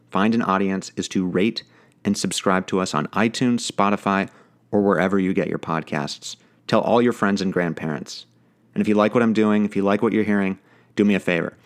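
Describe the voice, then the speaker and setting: A man narrating his podcast in a reflective, personal, plainspoken way. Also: fairly low pitch. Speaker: podcast host.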